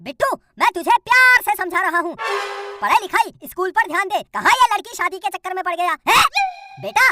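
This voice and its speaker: Cartoon dad, short-tempered and scolding, squeaky high register, done by a dubbing performer, loud music bed. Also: animated, brisk. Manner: scolds loudly, repeats "हैं?" and "चुप". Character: scolding middle-aged father, bossy and short-tempered. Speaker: cartoon father.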